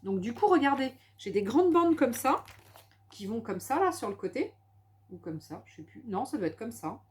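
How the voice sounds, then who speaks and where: A French craft vlogger, very animated and fairly high-pitched with a darkish tone, chats at a moderate pace about her latest supply purchases. The talk is homey and casual, bursting with enthusiasm and little stumbles and repeats.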